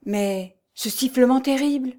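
A terrified old woman canteen keeper, pleading and panicky, as a woman reader puts her on. Her voice climbs high above the reader's own when fear takes hold. It is a storybook figure, read aloud. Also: measured pace, mellow. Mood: frightened.

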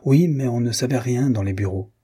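A man's voice: mid-range voice, a little fast, warm tone, breathy edge, close to an everyday voice. Man reading as a deferential male servant. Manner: brief and deferential. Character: dutiful male household servant. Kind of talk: audiobook reading.

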